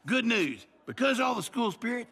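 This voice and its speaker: A fussy, officious school official from a cartoon. His voice is high and bright with lively swings. He sounds nervous and official at once. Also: normal speed, slightly rough, exaggerated voice.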